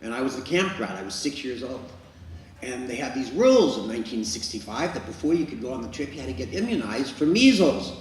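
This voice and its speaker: A man's voice: medium pitch, very animated, a little fast. A man in his sixties, an improv performer, telling a chatty anecdote and acting out the quotes. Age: 60s. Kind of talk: storytelling monologue. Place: improv venue. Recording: echoey room, mic far off, faint noise.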